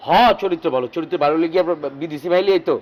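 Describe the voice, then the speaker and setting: A man playing a fast-talking fawning sidekick. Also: on the high side, muffled recording, slight background noise, lightly acted. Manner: rapid, eager, deferential. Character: fawning young male sidekick.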